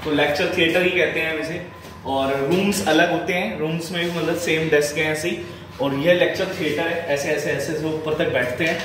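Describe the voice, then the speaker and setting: A man's voice: fairly high pitch, fairly even intonation, a little fast, a bit bright. Brief: young man, teasing friend, heard off-mic in a very echoey hall, noise behind. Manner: teasing, laughing banter. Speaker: friend of host. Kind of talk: casual chat. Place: lecture theatre, indoors. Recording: roomy echo from far off, noisy.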